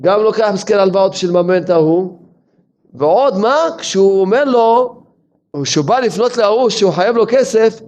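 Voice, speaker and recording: A man, a rabbi, giving a sermon as a lively story full of rhetorical questions. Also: high-pitched.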